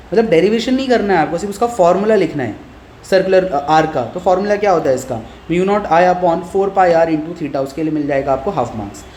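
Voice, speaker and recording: A male physics teacher talking students through an exam paper. His voice sits a little high but sounds mellow, and a roomy echo hangs over it. He reads each question out slowly, then lays out how the marks are earned, step by step. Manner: mixes Hindi and English, addresses students familiarly. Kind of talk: exam paper walkthrough lesson. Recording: roomy echo, faint background noise.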